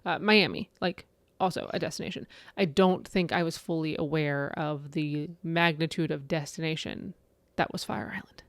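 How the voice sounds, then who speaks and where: A woman's voice: low voice, normal speed, hardly any pauses, dry recording. Chatty woman in her late thirties, dry sound. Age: 30s. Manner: chatty, animated, lots of "like" and "right?". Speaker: podcast co-host. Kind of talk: casual book chat.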